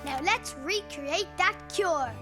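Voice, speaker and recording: A cheerful cartoon little boy with a very high, bright child's voice. He talks slowly and eagerly, full of wonder. Cartoon music plays under him. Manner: eager, bubbly, exclaims often. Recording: music playing behind.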